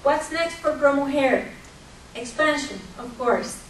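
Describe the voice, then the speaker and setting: A woman from gives an earnest, measured conference talk, pausing now and then with hesitations. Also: high voice. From Costa Rica. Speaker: conference presenter for a microfinance group. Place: conference hall. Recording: echoey hall, distant mic, faint hum.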